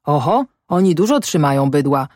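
A woman's voice: low-pitched, sing-song, moderate pace, darkish tone, no echo, clean studio sound. A woman voicing a worried, downcast peasant farmer husband in an audiobook, grumbling gloomily. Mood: gloomy. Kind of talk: audiobook character voice.

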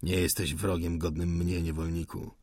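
A cold, contemptuous cavalry officer barks short questions and orders in a low voice, as a man reading an audiobook puts him on. The tone is husky. The room sounds dry. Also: level tone, normal speed, a little mellow, no echo. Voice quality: curt, barking.

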